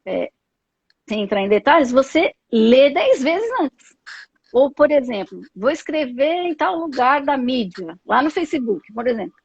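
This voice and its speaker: A woman's voice: high-pitched, very animated, unhurried, creaky, breathy edge, dry recording. A woman psychologist with a Brazilian Portuguese accent, talking thoughtfully on a live video call with many fillers and tag questions. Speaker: psychologist guest. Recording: dull lo-fi video call audio.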